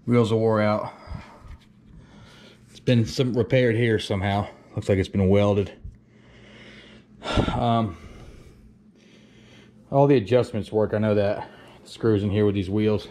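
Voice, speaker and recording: A man's voice: lowish voice, fairly even intonation, slow, pauses often, warm tone. A man casually talking through a job in his woodworking shop, thinking aloud with fillers and the odd curse. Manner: plainspoken, thinks aloud with fillers and mild cursing. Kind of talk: casual workshop vlog narration.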